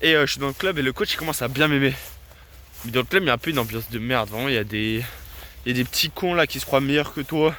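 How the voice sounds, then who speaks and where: A late-teen vlogger chats casually with his viewers, poking fun at himself and laughing often. His medium-pitched voice is fast and sharp, with slight background noise behind it.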